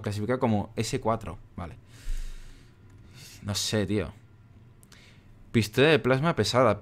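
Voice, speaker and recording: A young man with an accent from Spain commentating his game, ranting in exasperation and swearing often. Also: lowish voice. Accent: Spanish from Spain. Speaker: gaming YouTuber. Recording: game sound and music behind.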